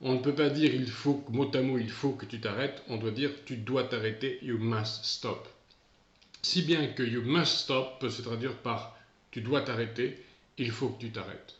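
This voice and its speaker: Teacher explaining slowly in a roomy room. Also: male voice, mid-range voice, steady tone, dull audio. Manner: patient, repetitive explaining with restarts. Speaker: English teacher. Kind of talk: recorded remote lesson.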